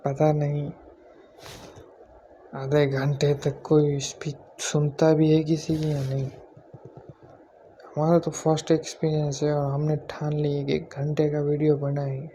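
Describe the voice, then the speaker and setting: Guy vlogging from home, keeps his voice low on purpose, mellow and kinda monotone. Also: measured pace, pauses often, a little hiss or hum. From Gujarat, India. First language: Gujarati. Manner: speaks quietly on purpose, self-deprecating. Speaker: YouTuber. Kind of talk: casual vlog talk to camera.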